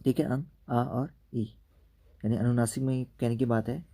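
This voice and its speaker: A man teaching an exam-prep grammar lesson. His voice is deeply dark and mellow, and his pitch sits in an ordinary middle range. He walks through each point patiently and keeps checking in with the class as he goes. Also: fairly even intonation, moderate pace. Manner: explains step by step, tag questions like "ठीक है" after each point.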